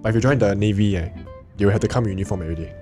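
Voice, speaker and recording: Fast-talking young Singaporean man, low voice. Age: young adult. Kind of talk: casual chat. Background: faint guitar music.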